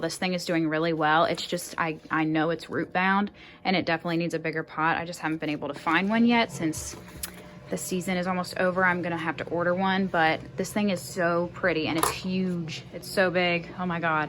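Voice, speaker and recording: A woman with a slightly low voice walks through her condo showing off her plants in a relaxed, upbeat chat. She rambles with plenty of fillers, and a faint background hum sits under her voice. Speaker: vlogger. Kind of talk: casual home plant tour. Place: her condo, moving between indoors and outside.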